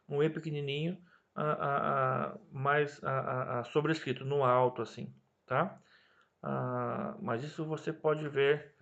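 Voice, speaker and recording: A man's voice: a little high, gravelly, dull audio. A man with a Brazilian Portuguese accent, patiently explaining a recorded Hebrew review lesson step by step, with many fillers and tag questions. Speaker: Hebrew teacher.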